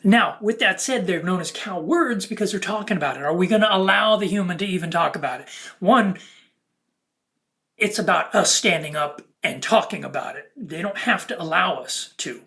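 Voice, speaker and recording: A video host of unclear sex delivers a rambling spiritual monologue in a medium-pitched, expressive voice with a sharp tone at normal speed. The delivery is earnest, preachy and fragmented.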